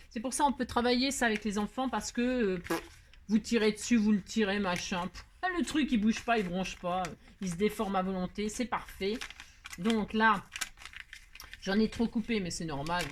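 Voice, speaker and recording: Woman, middle-aged craft-tutorial host, rambling and self-mocking, mid-pitched, faint background noise. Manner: rambling, self-mocking, talks to herself while working.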